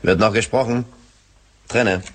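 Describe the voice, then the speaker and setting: Low-voiced, curt switchboard soldier. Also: fairly even intonation, a little slow. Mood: businesslike. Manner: curt, commanding. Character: brisk, bossy soldier running a field switchboard. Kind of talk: German war radio play acting.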